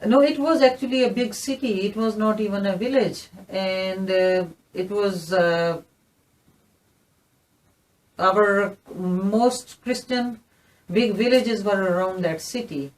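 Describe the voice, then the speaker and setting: Slow and mid-range with a darkish tone, this woman in her fifties speaks with a Pakistani accent, earnestly recounting her story as an interview guest. The recorded testimony places her voice somewhat away from the microphone.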